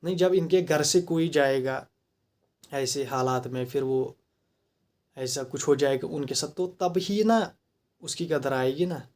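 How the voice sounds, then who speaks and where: A man's voice: on the high side, a little slow, darkish tone. A man with a Kashmiri accent giving a heated, rhetorical opinion monologue, mixing English phrases into his talk. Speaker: commentator.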